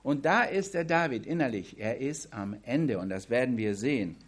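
A man's voice: medium pitch, lively intonation, normal speed. A man giving a Bible study sermon, reading scripture aloud and then commenting on it in a conversational way. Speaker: preacher.

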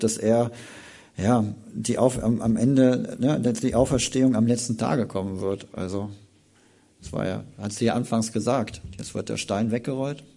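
A man preaching a Sunday morning sermon, reading scripture aloud and then commenting on it in a casual, lively way. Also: medium pitch, vocal fry.

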